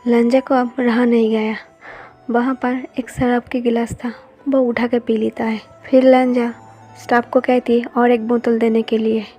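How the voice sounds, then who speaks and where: A woman narrating a fan fiction love story in an even, steady reading voice. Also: fairly high pitch, a little slow. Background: faint background music.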